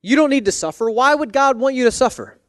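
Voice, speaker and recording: Man acting insinuating tempter, raised high pitch, coaxing, persuasive, selfish urging, sermon storytelling, dry sound. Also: expressive, quick pace, no echo.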